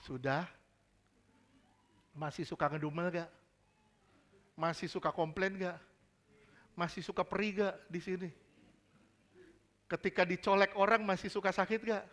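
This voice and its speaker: A man's voice: high-pitched, fairly even intonation, unhurried, long pauses, fairly bright tone. A male pastor preaching a sermon in a church service. He is emphatic, mixes casual slang into his preaching and quizzes the congregation with repeated questions.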